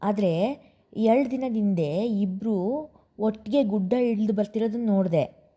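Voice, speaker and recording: A woman's voice: medium pitch, measured pace, mellow, close to an everyday voice. A woman voicing an earnest village servant woman who speaks in rustic dialect. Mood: pleading.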